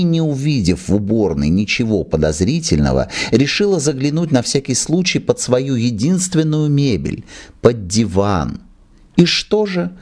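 A man reading a classic short story aloud as narrator, slowly and expressively. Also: mid-range voice, darkish tone.

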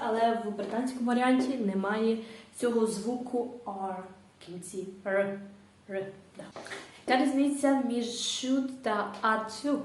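A woman teaching English grammar step by step, reading her English examples slowly and carefully. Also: a little high. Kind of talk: explaining grammar lesson. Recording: very echoey room, distant mic.

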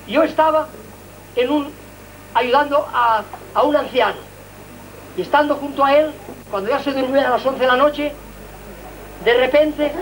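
Impassioned older man, high voice. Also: a little hiss or hum, rough recording. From Valencia, Spain. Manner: dramatic, impassioned storyteller who addresses listeners directly. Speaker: hermit giving religious testimony. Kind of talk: fervent spoken testimony.

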